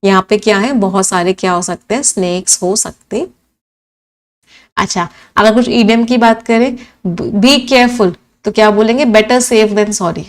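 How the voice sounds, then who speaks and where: A woman teaching English vocabulary for exams, asking questions and then answering them herself, repeating each meaning. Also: medium pitch. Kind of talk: exam-prep vocabulary lesson in Hindi-English mix.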